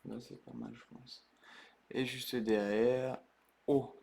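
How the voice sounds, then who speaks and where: A man opening trading-card packs live on stream. He talks at an unhurried, drawn-out pace in a mid-pitched voice, hushed while he flips cards, then breaking into wild shouts at a big hit. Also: level tone, gravelly, a little hiss or hum. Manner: slow, hushed narration that bursts into ecstatic shouting.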